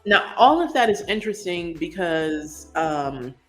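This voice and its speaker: A woman's voice: fairly low pitch, very animated, a little slow. Blunt, sarcastic woman podcast host. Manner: frequent "um" and "you know" fillers, blunt and sarcastic. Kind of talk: casual commentary.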